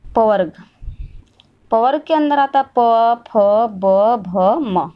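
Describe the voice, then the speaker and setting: A woman teaching a Hindi grammar lesson. She asks the class questions, answers them herself and repeats each point slowly. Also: a little high, lively intonation, highs cut off.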